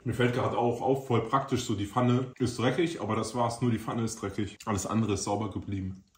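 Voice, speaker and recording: A man, chatting informally to his viewers in relaxed slang as a YouTuber. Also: lowish voice, fairly quick, a little hiss or hum. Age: 20s. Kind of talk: casual chat to camera. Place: small indoor room. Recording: roomy, echoey indoor sound.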